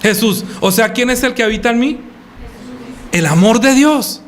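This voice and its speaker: A man's voice: very high-pitched, lively intonation, moderate pace. A man preaching a sermon as pastor, asking the congregation questions and answering them, calling listeners by name.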